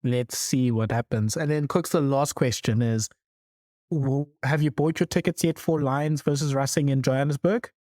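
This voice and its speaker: A man's voice: mid-range voice, moderate pace, mellow, no echo, clean studio sound. A man with a South African accent hosting a rugby podcast, putting questions to his co-hosts and laughing along. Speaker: podcast host. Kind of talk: casual chat.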